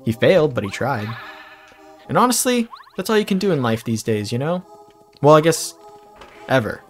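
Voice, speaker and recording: A man's voice: on the high side, very animated, moderate pace. A man giving casual let's play commentary, rambling through jokey asides as he plays. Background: game music.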